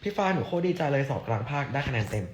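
A man's voice: mid-range voice, big pitch swings, racing, reverberant, a little hiss or hum. A young man from southern Thailand, hosting a casual live stream and answering fan questions in a playful, teasing way. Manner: playful, teasing, jokingly coarse.

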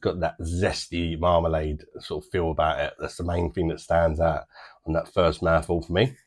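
A deep-voiced British man in his thirties talks through a beer tasting to camera. He is chatty and easygoing, drifting through fillers and loose descriptions. He is recorded close up in a small home bar room. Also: level tone, moderate pace. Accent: British English. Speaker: beer reviewer. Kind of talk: casual review to camera.

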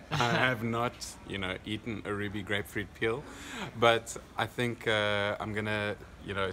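A young man with a South African accent giving a casual interview as a competitor just after performing. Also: on the low side. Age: young adult. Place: indoor convention venue. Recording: clear background noise, busy event venue.

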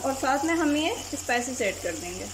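A woman calmly explaining a recipe step by step as a cooking channel host. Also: high voice, moderate pace, background noise. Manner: calm, plain, methodical. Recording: loud frying sizzle behind voice.

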